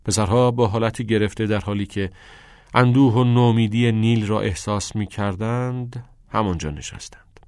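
A man narrating a novel as an audiobook in a measured, even way. His voice sits low. The recording is dry and close, with no room sound. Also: no room sound.

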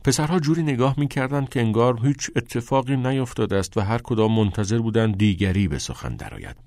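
A man narrating a novel as an audiobook, in a measured, even storytelling manner. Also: mid-range voice, no echo.

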